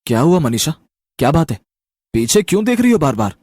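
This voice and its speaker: Calm young husband in a storybook tale, deeper than her normal voice, dry sound, woman doing him. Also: a little fast, breathy edge, no echo, exaggerated voice. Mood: teasing. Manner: relaxed, reassuring.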